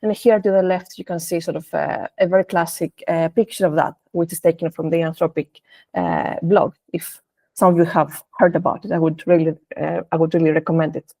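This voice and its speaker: A woman's voice: fairly low pitch, steady tone, fairly quick, warm tone, dry recording. A woman, giving a technical presentation with frequent restarts and fillers. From Greece. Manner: hesitant, many restarts and fillers. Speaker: presenter, senior data scientist.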